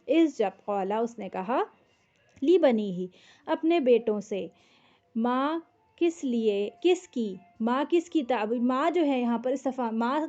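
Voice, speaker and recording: Soft-voiced woman teaching a translation lesson. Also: fairly high pitch, lively intonation, lo-fi sound. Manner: patient, explains word by word, checks understanding with questions.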